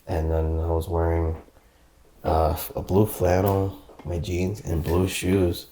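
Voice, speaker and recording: A man's voice: sits low, flat delivery, slow pace, warm tone, slight background noise. A man guest on a podcast, telling a story in casual slangy chat and laughing along. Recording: echoey room.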